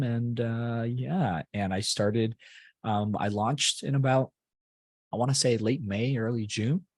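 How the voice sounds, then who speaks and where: Recorded dry at studio quality, this young adult man from Canada speaks in a lowish voice. As a guest in a relaxed interview, he wanders from point to point, often restarting sentences and leaning on filler words.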